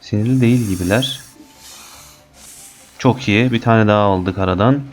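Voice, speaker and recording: A man giving casual, chatty commentary on his gameplay as a channel host, excitable and cursing lightly at the creatures. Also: on the low side, moderate pace, soft background music.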